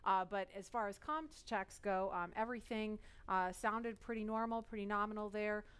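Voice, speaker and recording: Clear, smooth woman hosting live coverage. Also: mid-range voice, moderate pace, fairly bright tone. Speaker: launch broadcast host. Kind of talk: live broadcast commentary.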